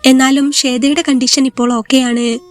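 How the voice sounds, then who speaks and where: Woman doing a doctor in a storybook, calm and plain-spoken, high voice, light music. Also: moderate pace, close to an everyday voice. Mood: reassuring. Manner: calm, matter-of-fact. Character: calm hospital doctor, matter-of-fact.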